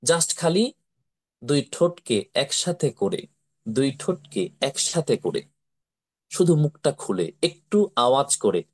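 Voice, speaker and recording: A man teaching how to read the Quran, slowly repeating syllables and asking his pupils to say them with him. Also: medium pitch, sing-song. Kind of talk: slow drilling lesson with repetition.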